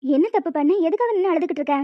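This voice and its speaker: A woman's voice: extremely high pitch, lively intonation, very fast, no room sound, voice pushed down. A woman voicing a concerned middle-aged mother-in-law in a cartoon who asks worried questions, in a dry, dull lo-fi recording. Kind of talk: amateur cartoon voice acting.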